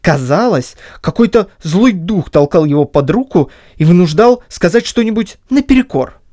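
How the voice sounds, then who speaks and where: A woman reading a classic story aloud as an audiobook, in an expressive storytelling manner. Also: fairly low pitch, normal speed, dry recording, clean studio sound. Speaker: reader.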